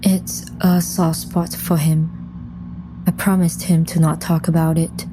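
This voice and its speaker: As the lead character and first-person narrator of an audio drama, a woman voices a serious undead mission leader, grave and composed. Her low, level delivery runs a little slow over background music and noise.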